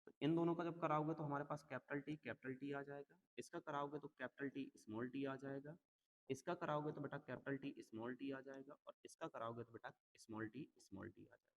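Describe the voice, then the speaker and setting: A man's voice: mid-range voice, steady tone, a little fast, dull audio. A male teacher giving an exam-prep lecture, calling his students "beta" and repeating key terms over and over. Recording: long hall reverb.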